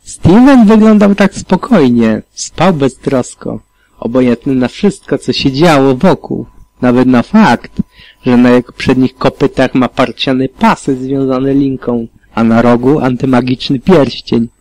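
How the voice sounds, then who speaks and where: Mężczyzna narrator czytający audiobook z przejęciem, w pierwszej osobie. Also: male voice, mid-range voice, unhurried, a little mellow, no room sound, low-quality recording. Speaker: audiobook reader. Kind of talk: audiobook narration of fan fiction.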